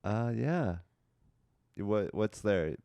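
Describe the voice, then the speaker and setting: A man, a comedian guest on a podcast, chatting casually with deadpan, absurd jokes. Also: fairly low pitch, slow pace, clean tone, no echo.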